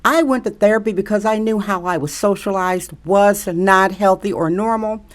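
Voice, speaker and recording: A woman's voice: mid-range voice, normal speed. Middle-aged woman lecturing with repeated questions. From Milwaukee, Wisconsin. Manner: preachy, emphatic, repeats rhetorical questions. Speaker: social media commentator. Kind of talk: direct-to-camera monologue.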